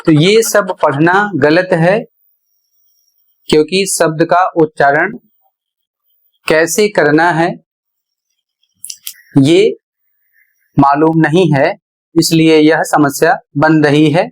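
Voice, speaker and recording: Slow, deliberate male teacher. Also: fairly high pitch, low-quality recording. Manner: slow, deliberate, repeats phrases while explaining. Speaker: English pronunciation teacher. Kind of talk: explanatory lesson, spelling words letter by letter.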